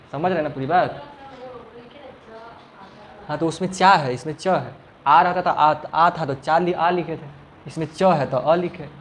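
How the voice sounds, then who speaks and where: A male teacher with a fairly high-pitched voice gives a grammar lesson to a class, posing the same question repeatedly and elongating sounds for demonstration. He checks students' understanding often. The audio has a little hiss or hum.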